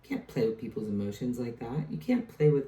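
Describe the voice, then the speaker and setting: A woman's voice: rumbling low, sing-song, a little fast, mellow. A woman giving a casual tarot reading, rambling and often trailing off to restart her thought. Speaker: tarot reader. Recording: echoey room, distant mic.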